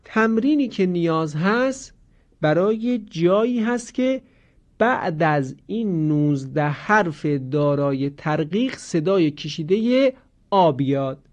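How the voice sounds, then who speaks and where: A man teaching Quranic pronunciation, explaining rules and drawing out example words slowly. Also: a little high, expressive. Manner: slow, deliberate drawn-out model words between explanations. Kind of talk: instructional lesson on Quranic pronunciation. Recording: dull lo-fi audio.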